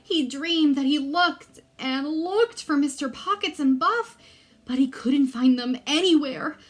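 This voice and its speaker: Her voice high, a woman reads a children's story expressively, leaning into deliberate, dramatic emphasis meant for young listeners.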